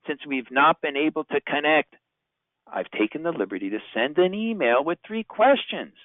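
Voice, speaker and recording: A man's voice: a little high, very animated, normal speed, dry recording, narrow, tinny audio, voice pushed up. A man voicing a polite, confident salesman leaving a scripted voicemail message. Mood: assured.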